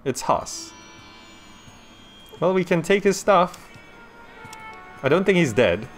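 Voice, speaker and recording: A man's voice: high voice, big pitch swings, slow, soft background music. Chatty man with Malaysian accent playing a game. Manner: chatty, laughs often, reads game text aloud. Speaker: gaming channel host. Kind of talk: let's play commentary.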